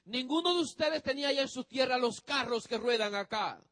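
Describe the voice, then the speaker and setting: A man's voice: very high-pitched, brisk, fairly bright tone, no echo. A male pastor preaching a sermon, speaking emphatically to the congregation and drawing out the ends of phrases.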